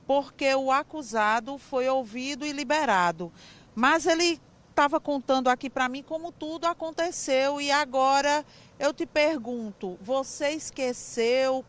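A woman, reporting live and interviewing people outdoors with a handheld mic. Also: sits high. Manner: animated, conversational. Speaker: field reporter. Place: outdoor parking lot.

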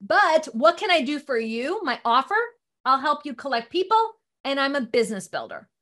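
A middle-aged woman teaching a live online marketing class, chatty and quick to laugh at herself. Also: high-pitched, big pitch swings, bright, forceful tone.

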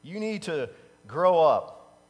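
In his fifties, a pastor takes his time, his voice on the high side, as he preaches a conversational sermon from the pulpit of a large sanctuary stage. He's an animated storyteller who laughs at his own personal stories. A standing pulpit mic and far camera catch him, with long church-hall reverb.

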